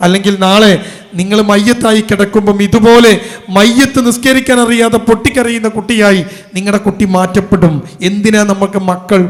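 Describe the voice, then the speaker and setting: A male Islamic preacher delivers a sermon in a notably high voice. He tells his story with emotion and presses home his points with rising, emphatic questions. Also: fairly even intonation, brisk.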